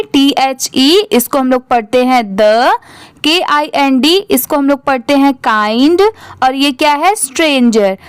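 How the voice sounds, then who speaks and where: Woman English teacher, high voice, dry close sound, spells words slowly and quizzes herself. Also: no echo. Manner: spells words letter by letter, asks and answers own questions. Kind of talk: spelling-out reading lesson.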